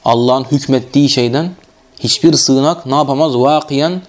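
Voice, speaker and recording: A man's voice: mid-range voice, normal speed. A man with a Turkish accent teaching an Arabic grammar lesson in a classroom, often stopping to ask his students whether they have understood. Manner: questioning, checks understanding.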